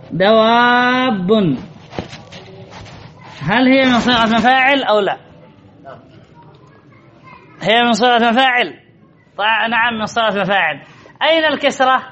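A man with a very high voice teaches grammar, quizzing students and drilling each point by repeating it. The recording is muffled, with a faint hiss underneath. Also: pushed and bright. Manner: quizzing, repeats key phrases. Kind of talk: classroom lesson with questions to students.

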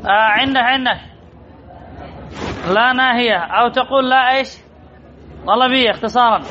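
A man's voice: extremely high pitch, normal speed, a faint crowd, a little hiss or hum. A man teaching an Arabic grammar lesson to a class, reading from a text, repeating key terms and calling on students by name to answer. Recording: dull lo-fi classroom recording.

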